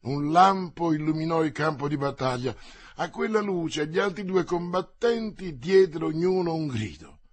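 A man narrates an adventure novel aloud in a steady, measured way. His voice sits a little high, with a husky, breathy texture. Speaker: audiobook narrator. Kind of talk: scripted narration.

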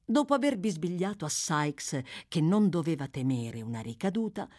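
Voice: medium pitch, sing-song, normal speed, darkish tone. An audiobook narrator reading a classic novel with dramatic, varied delivery. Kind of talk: expressive scripted narration.

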